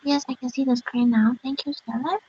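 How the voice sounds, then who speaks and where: A woman's voice: high-pitched, fairly even intonation, a little fast, darkish tone, breathy edge, dull audio. A woman student giving an online class presentation, speaking hesitantly with many fillers and frequent self-corrections. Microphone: video call.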